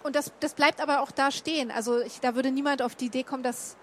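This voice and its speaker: A woman's voice: high-pitched, steady tone, fast, fairly bright tone, slight background noise. A woman from Berlin chatting casually as she shows slides, with many fillers and restarts. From Berlin, Germany. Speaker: guest telling of a stay in Japan. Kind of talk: casual talk showing slides.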